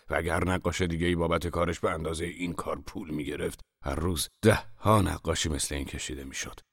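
Man doing a gruff old master painter, very deep voice, husky, scolding, dry close sound. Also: no echo, exaggerated voice. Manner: gruff, scolding, then lecturing. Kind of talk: audio drama acting.

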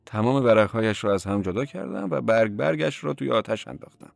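A man voicing a gloomy, blunt young man who answers in short, flat replies. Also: fairly low pitch, gravelly, dry recording, pitched above the performer's own voice. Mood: curt, gloomy.

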